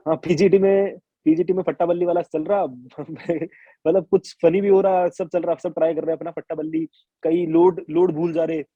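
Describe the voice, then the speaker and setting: Over phone-quality audio with no echo, a young Indian man recounts his exam experiences as an interviewee, storytelling casually with many restarts and quoted asides. His voice is a little high, with little pitch movement, and he speaks at a moderate pace.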